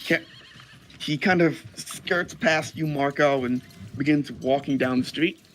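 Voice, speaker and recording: A man's voice: on the high side, measured pace, slight background noise. Man narrating as dungeon master. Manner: loose, filler-heavy description. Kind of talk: narrating a tabletop game.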